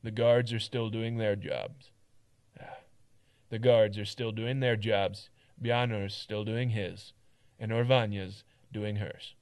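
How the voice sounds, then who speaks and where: A man voicing a gruff, dismissive middle-aged miner in a game, talking bluntly and loudly. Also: fairly low pitch, flat delivery, takes it slowly. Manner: blunt, loud and scornful.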